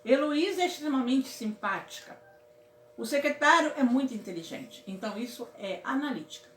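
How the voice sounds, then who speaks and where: A woman from Brazil teaching a casual grammar lesson in a fairly high voice. She keeps checking in with her students in an affectionate way. The room is echoey, with a faint hum of ambience behind her. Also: expressive, moderate pace, a bit bright. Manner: affectionate, repeats "certo, meus amores?".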